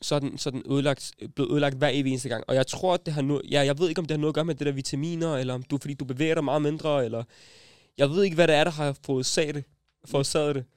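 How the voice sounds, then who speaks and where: A man's voice: a little high, fairly even intonation, clean tone, no room sound, studio quality. A young man hosting a casual podcast chat, teasing his friends and mixing English slang into his talk. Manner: teasing, laughs often, mixes English slang. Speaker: podcast host.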